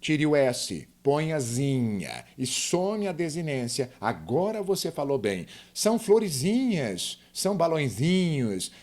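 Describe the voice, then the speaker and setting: A man's voice: a little high, darkish tone. A man teaching a grammar lesson, emphatic and often asking the viewer questions.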